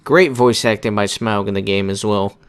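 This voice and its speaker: Low-voiced young man doing game commentary. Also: normal speed, smooth. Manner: laid-back, colloquial. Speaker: gamer narrating a playthrough.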